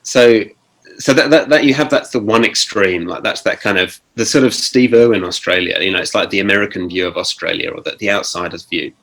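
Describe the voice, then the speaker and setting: Low-voiced guy on a video call panel, thinks out loud, lots of ums and restarts. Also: creaky. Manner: thoughtful, halting, many pauses and restarts. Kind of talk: online panel discussion.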